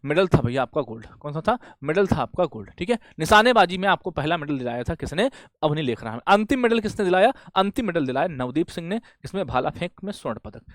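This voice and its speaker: A male exam-prep teacher giving a classroom-style lecture, firing quick questions at students and answering them himself, with frequent friendly fillers. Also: high voice, no room sound. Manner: asks quick questions and answers them himself, says "bhaiya" and "theek hai" often.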